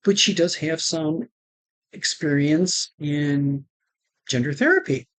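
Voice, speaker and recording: Slow, halting woman telling her story. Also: low voice, no echo. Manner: halting, with pauses and restarts; retells conversations with "she goes" and "I'm like". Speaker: vlogger. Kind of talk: personal storytelling to camera.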